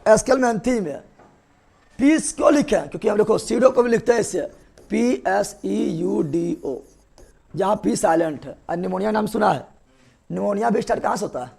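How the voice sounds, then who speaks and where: A young male teacher, giving a classroom biology lecture and drilling students with repeated quick questions. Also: high-pitched, lively intonation, gravelly, darkish tone.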